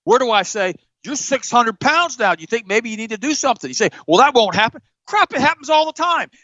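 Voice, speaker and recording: A middle-aged man hosting a show, telling stories in a blunt, animated way and jumping up in pitch for emphasis. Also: no echo, highs cut off. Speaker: podcast host. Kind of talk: casual storytelling chat.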